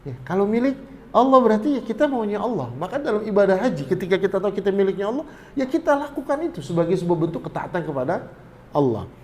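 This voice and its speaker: A man's voice: high-pitched, sing-song, fast, darkish tone, slight background noise. A middle-aged man giving a religious study talk to pilgrims, telling casual stories and rising to emphatic exhortation. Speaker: ustadz teaching hajj preparation.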